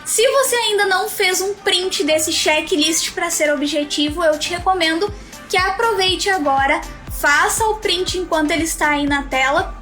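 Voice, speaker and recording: A Brazilian woman with a very high voice teaches public speaking in a live stream, talking straight to her viewers. She explains her points in a clear, instructive way and sometimes puts on quick example voices. Soft music plays faintly behind her. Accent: Brazilian Portuguese. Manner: didactic, direct address to viewers, acts out example voices. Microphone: phone.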